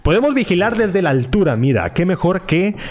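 Mexican male streamer, hyped gameplay commentary, pitch jumps all over, talks straight to chat. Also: brisk, slight background noise. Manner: excitable, talks to his chat, repeats words in bursts. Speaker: gaming streamer.

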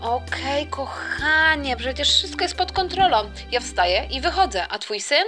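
A woman voicing an easygoing father who stays calm and unhurried. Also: high voice, over music. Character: laid-back easygoing father.

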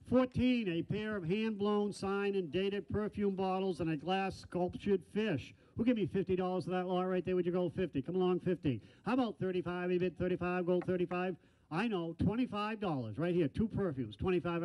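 An older man works as an auctioneer in a large indoor hall, chanting numbers rapidly with folksy asides into a handheld mic. His voice is high and mellow, and the recording sounds dull and lo-fi.

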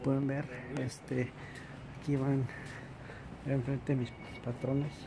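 A man's voice: mid-range voice, level tone, slow, background noise. A man with a Mexican accent chatting casually in a vlog, rambling with many filler words on his way to work and at a store. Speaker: vlogger.

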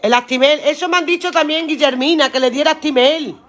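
A woman selling on a live stream chats casually and reads viewer comments aloud, earthy and talkative, swearing offhandedly and laughing a lot. Her voice sits high, a bit bright, and moves fairly quickly.

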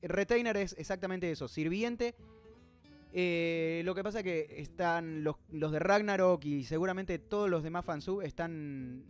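Male host, high voice, reads a manga live and picks at the details; faint music bed. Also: measured pace, smooth. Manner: reads dialogue aloud, stops to puzzle over details; reads out chat comments. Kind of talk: reading a manga aloud with live commentary.

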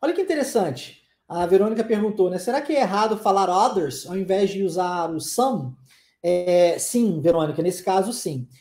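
Emphatic man teaching, lively echoey delivery. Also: high-pitched, normal speed. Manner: emphatic, tags sentences with tá and né. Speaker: English teacher. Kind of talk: online class lecture.

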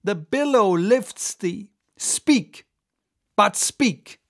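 Guy doing an obsessed whaling captain for an audiobook, intense, creaky, draws words out slowly. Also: high-pitched, expressive, pitched above the performer's own voice, full character voice. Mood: fierce, goading. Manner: intense, theatrical, declamatory. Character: obsessed, commanding, vengeful old male whaling captain.

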